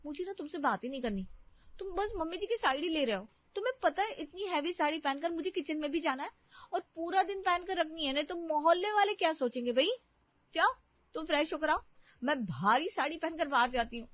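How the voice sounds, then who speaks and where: A woman voicing a modern young newlywed bride who whines and complains in a high tone. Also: expressive, normal speed. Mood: polite, annoyed. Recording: dry, slightly dull recording.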